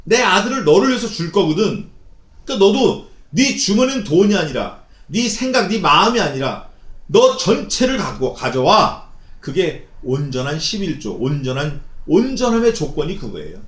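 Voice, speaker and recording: A male pastor preaching a sermon, emphatic and animated, acting out quoted speech. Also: high-pitched, normal speed, reverberant. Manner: emphatic, voices God in dramatic quoted lines. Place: church sanctuary.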